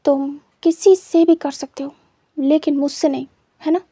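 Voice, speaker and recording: A woman voicing a menacing, possessive young man who gloats and threatens in a quiet, low voice for a storybook reading. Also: steady tone, unhurried, no room sound, clean studio sound. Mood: gloating.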